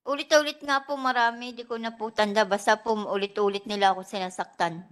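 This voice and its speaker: A woman testifying as a witness at a hearing, answering softly and politely in short replies. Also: fairly high pitch, steady tone, fairly quick, clean tone. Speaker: witness, domestic worker. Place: legislative hearing room.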